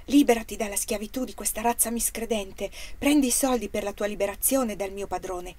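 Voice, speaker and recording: A secretive woman presses her urgent advice in a hushed tone, as a woman narrator reads her. It is a storybook reading. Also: mid-range voice, brisk, natural voice. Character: secretive woman urging a slave to flee.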